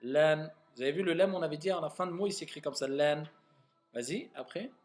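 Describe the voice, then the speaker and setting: A man leads a reading lesson in a classroom, his voice sitting a little high for a man. He is patient, and he draws out each word slowly and clearly so his students can hear their mistakes. When explaining a rule, he speeds up. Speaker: Arabic reading teacher.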